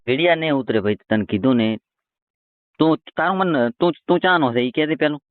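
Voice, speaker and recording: This roast video creator, answering a call, has a slightly high voice and speaks a little fast with no echo. He's locked in a heated argument, stubborn, confrontational and casual in his wording, all captured as a tinny phone-call recording.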